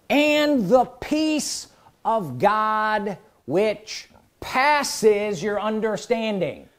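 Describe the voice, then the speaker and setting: A preacher delivering a sermon, often stopping to ask the congregation questions. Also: mid-range voice. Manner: animated, calls out questions to the congregation.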